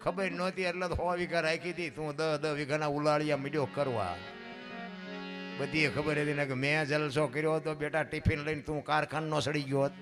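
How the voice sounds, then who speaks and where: A man giving a dayro storytelling sermon, moving between soft musing and loud impassioned declaiming, and putting questions to his audience. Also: fairly high pitch, flat delivery, brisk. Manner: asks the audience questions directly. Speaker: folk storyteller. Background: guitar music.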